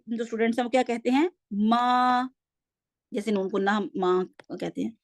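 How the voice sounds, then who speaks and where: A woman's voice: mid-range voice, no echo, clean studio sound. A woman teaching a Quran reading class online, patiently correcting her students step by step and speaking into a computer mic on a video call.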